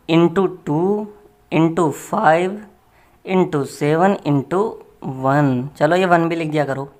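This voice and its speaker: A man teaching a maths lesson in a casual, joking way, chatting to his students as friends while working through problems. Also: fairly high pitch. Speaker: maths tutor.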